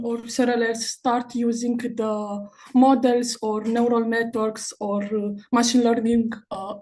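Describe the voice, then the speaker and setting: A young woman, a master's student, presents at a conference over a video call, hesitant and full of uh fillers and restarts. Her voice is fairly high and mellow, and the audio is poor.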